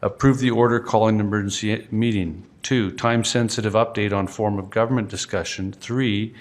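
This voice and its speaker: A man's voice: on the low side, fairly even intonation, brisk. A man with a Utah accent, a city council member, speaking matter-of-factly and reading out an agenda. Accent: Utah English. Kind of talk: council meeting remarks.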